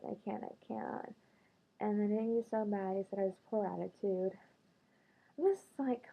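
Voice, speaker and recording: A woman vlogs about dating in a loose, chatty way, full of "like" and sudden quoted lines. Her voice is husky with a gravelly edge. The sound is thin and tinny, like a phone line. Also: on the high side. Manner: chatty, filler-heavy, quotes others in raised voice. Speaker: vlogger. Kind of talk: casual storytelling about dating.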